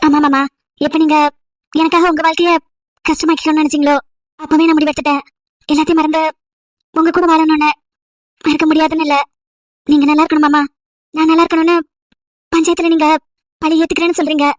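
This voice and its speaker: A woman's voice: high voice, level tone, fast talker, long pauses, no room sound. A woman as a sad devoted young wife. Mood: tender. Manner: earnest, tender pleading. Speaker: storyteller voicing all parts.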